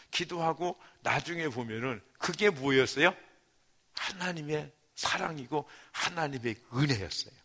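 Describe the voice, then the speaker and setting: A male pastor preaching a sermon in a church, his voice slightly hoarse, moving from quiet asides to loud, heartfelt pleading. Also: medium pitch. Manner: emotional, swings from soft asides to loud fervent preaching. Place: church sanctuary. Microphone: handheld or stand mic.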